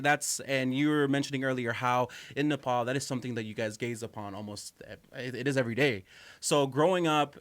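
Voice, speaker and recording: A man's voice: medium pitch, fairly bright tone, clear, resonant tone. A man hosting a radio interview in a studio, enthusiastic, with many fillers and restarts. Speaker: radio host.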